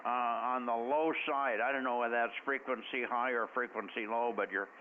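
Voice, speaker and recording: An American man running an amateur radio net chats casually over two-way radio, blunt and teasing. His medium-pitched voice is fairly quick with fairly even intonation and sounds phone-quality. The ham radio signal is thin and static-filled.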